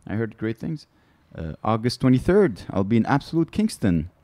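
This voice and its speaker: A man's voice: mid-range voice, big pitch swings, normal speed, dark tone, no room sound. A male comedian guest chatting casually on a podcast, telling candid, rambling stories and laughing between lines. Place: studio.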